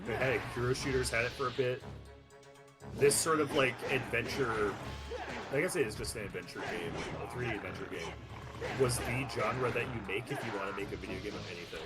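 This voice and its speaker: A man's voice: mid-range voice, a little fast, loud music behind the voice. A man chatting on a stream with a friend, rambling and joking, with sudden jumps in his voice. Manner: animated, rambling, jokey. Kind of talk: casual chat.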